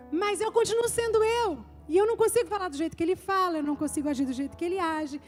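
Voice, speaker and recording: A woman's voice: very high voice, quick pace, soft background music. A woman pastor preaching a live church sermon, emphatic and building her points through repeated phrases. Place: church service.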